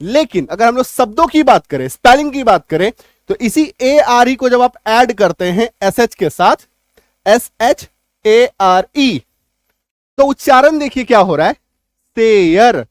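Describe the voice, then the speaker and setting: A man teaching an English spelling lesson, explaining step by step, spelling words out slowly and loudly, and often asking whether the class is following. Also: extremely high pitch, expressive, no room sound, clean studio sound. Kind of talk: spoken language lesson.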